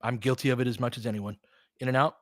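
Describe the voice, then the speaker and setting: Hosting a live basketball stream, a man offers casual, analytical commentary and chats with viewers between short reactions to the play. He talks fast in a mid-range voice with fairly even intonation, recorded clean in a studio with no room sound.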